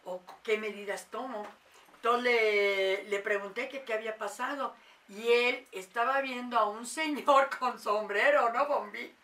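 A mother tells a story in a bright, somewhat high voice. She is animated and acts out the voices of the people she quotes. The mic sits a little away from her. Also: unhurried, recorded from a distance. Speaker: mother telling a paranormal story. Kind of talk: casual storytelling.

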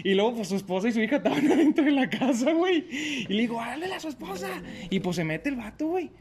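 Animated young Mexican man telling a story. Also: extremely high pitch, fast, crowd noise. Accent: Mexican Spanish. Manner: animated, slangy, acts out shouts and quotes. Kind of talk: casual storytelling.

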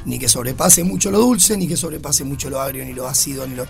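A man's voice: mid-range voice, fast, creaky, soft background music. A man, a guest bartender chatting casually on a radio show, often restarting his words.

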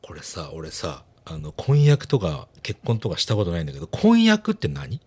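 A man's voice: low-pitched, moderate pace, slightly rough. A man hosting a casual bilingual chat show, talking animatedly and laughing often. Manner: animated, laughing, switches between Japanese and bits of English. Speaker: host.

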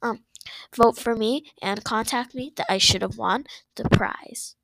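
A woman's voice: a little high, a little slow, gravelly, fairly bright tone, dry recording, voice pushed down, poor audio. A woman voicing a scheming male villain cat leader who stumbles over his words. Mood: sly sales pitch. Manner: pleading then sly, stumbling over words.

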